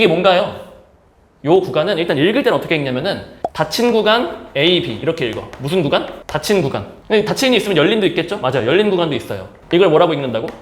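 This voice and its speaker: A man's voice: on the high side, sing-song, rapid-fire, hardly any pauses, reverberant, slight background noise. A male math teacher giving a casual lecture, asking questions and then answering them himself. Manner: asks and answers his own questions; casual, speaks in plain everyday talk to students.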